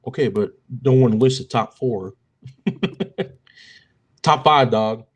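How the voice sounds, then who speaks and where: A young man co-hosts a casual sports podcast at an ordinary middle pitch. He jokes around, trails off and fills gaps with ums as he argues his picks. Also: breathy edge. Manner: joking, drawn-out, lots of ums. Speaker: podcast co-host.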